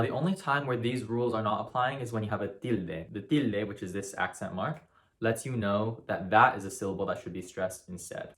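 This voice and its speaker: A young man teaching a pronunciation lesson, explaining rules and slowly repeating example words to demonstrate them. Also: lowish voice, a bit bright. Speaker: language teacher.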